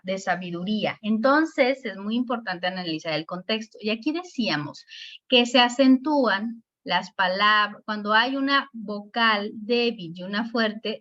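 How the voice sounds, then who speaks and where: A woman's voice: medium pitch, a bit bright. A woman teacher giving an online grammar lesson, patiently breaking words into syllables and checking in with her students. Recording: dull lo-fi sound.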